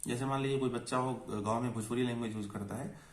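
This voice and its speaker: A man teaching an English lesson. He explains in Hindi and reads the English lines slowly. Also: medium pitch, steady tone, echoey room.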